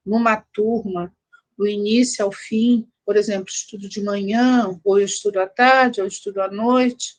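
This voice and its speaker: A higher-voiced middle-aged woman from Brazil reminisces about her life in a conversational way. She was born in Rio, grew up in Belém, Pará, and now researches history and anthropology as a guest academic. Her speech is halting, with repeated words and frequent tag questions.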